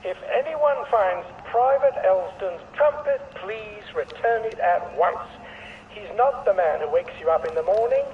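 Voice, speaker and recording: An actor playing a brisk male military camp announcer, making formal announcements over a camp loudspeaker. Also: high-pitched, animated. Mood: official. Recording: dull lo-fi loudspeaker sound with faint noise.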